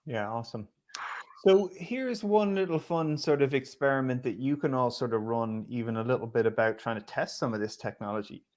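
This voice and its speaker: A man's voice: medium pitch, a little fast, darkish tone. Irish guy hosting a casual chat, talks loose and friendly, lots of ums and restarts. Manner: chatty, with frequent fillers and restarts. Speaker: host. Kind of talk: casual conversational talk.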